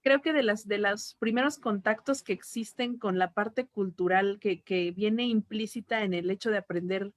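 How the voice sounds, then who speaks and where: A woman language teacher, explaining her views in a thoughtful, measured way. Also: mid-range voice, no room sound, studio quality. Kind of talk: reflective educational talk.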